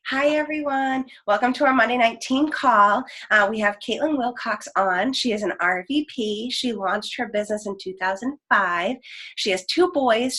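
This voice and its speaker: A woman's voice: medium pitch, fairly bright tone. A woman leading a team call, introducing a guest in short, plain sentences. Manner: friendly, reads facts in short plain sentences. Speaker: team leader hosting a call. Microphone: call audio.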